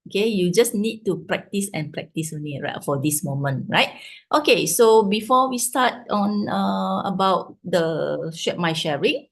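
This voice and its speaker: A woman's voice: mid-range voice, animated, a little slow. A Malaysian-accented older woman teaching an informal online class, switching between English and Malay and often adding little tags to check in. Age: 50s or older. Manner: checks in with tags like "right", "ya", "lah". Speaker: chemistry teacher giving an online revision class. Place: online video call with screen share.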